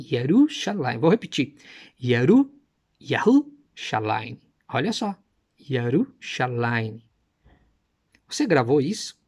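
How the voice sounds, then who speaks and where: A young man preaching and teaching with emphatic, persuasive delivery, slowing down to repeat Hebrew words carefully. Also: mid-range voice, darkish tone. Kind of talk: teaching sermon to camera.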